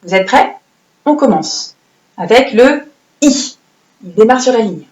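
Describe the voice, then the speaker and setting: A woman's voice: on the high side, animated, a little mellow. Patient woman teaching children handwriting. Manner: patient, encouraging, dictates slowly with playful sound effects. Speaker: primary school teacher. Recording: roomy echoey room.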